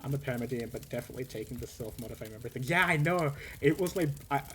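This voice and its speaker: A man streaming casually, telling a long story with animated, rambling energy and frequent restarts. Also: mid-range voice, racing, slight background noise.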